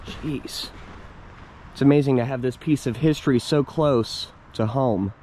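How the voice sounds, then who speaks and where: The hiking vlog features a young man of medium pitch and dark tone speaking at a measured pace as he casually describes walking through a wooded park. Filming outdoors on a handheld camera, he admires the scenery and reads out a plaque, with a little hiss or hum in the recording.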